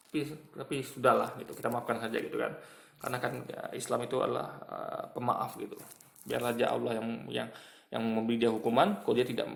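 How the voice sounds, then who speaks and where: A man's voice: mid-range voice, vocal fry, reverberant. A man giving argumentative video commentary to his viewers, repeating himself and restarting often. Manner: repetitive, addresses viewers as "guys", many restarts. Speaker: commentator responding to online posts.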